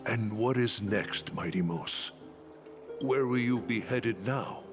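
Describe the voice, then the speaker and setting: An actor playing a weary, courteous warrior in a video game, speaking formally and theatrically over music. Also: male voice, mid-range voice, slow, close to an everyday voice. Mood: curious, measured. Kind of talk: dramatic video game voice acting.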